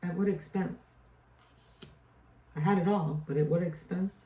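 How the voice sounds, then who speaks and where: A woman with a low, mellow voice gives a casual tarot reading. She rambles, trails off and restarts mid-thought. She sounds set back from the mic in a roomy, echoey space. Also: fairly even intonation, measured pace. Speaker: tarot reader. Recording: echoey room, distant mic.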